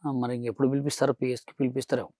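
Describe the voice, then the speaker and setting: Blunt fast-talking man. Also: mid-range voice, flat delivery, warm tone, no echo, studio quality. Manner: blunt, dismissive of critics, colloquial. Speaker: interview guest. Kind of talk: casual interview.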